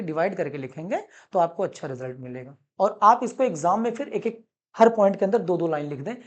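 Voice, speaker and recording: A man teaching commerce in a classroom lecture, animated and coaxing, calling students son and checking that they have understood. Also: high voice. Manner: calls students son, mixes English terms into Hindi.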